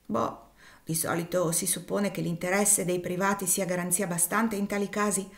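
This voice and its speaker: A woman voicing a worldly, jovial gentleman in a read-aloud novel, reasoning calmly and with irony. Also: medium pitch, close to an everyday voice.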